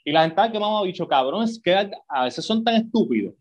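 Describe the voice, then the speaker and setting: A man's voice: fairly high pitch, fairly quick. A man co-hosting a podcast, telling stories with lots of swearing. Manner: profane, animated storytelling. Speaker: podcast co-host. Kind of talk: casual chat.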